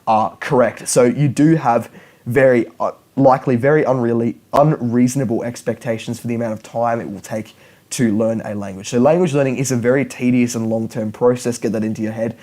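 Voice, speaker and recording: A language learning YouTuber, a young native English speaker, talks directly to the camera in a relaxed, unscripted lesson. He rambles slightly, doubling back on words and restarting phrases. His voice is at an ordinary middle pitch for a man, and he speaks a little fast.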